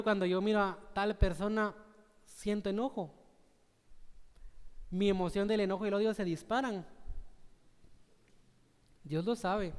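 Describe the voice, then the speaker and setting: Earnest Guatemalan preacher in a reverberant church. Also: male voice, high-pitched, clear, resonant tone. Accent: Guatemalan Spanish. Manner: earnest, conversational, asks the congregation "¿verdad?". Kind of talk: sermon. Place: church sanctuary.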